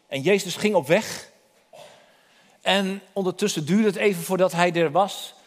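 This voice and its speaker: A man preaching a sermon, retelling a Bible story and urging listeners to come forward, often repeating words as he goes. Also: sits high. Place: church hall. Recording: long reverb in a hall.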